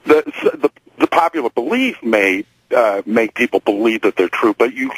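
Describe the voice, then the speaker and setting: A man's voice: medium pitch, animated, moderate pace, slightly rough, no room sound, poor audio. Hesitant, insistent male radio caller. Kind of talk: call-in argument.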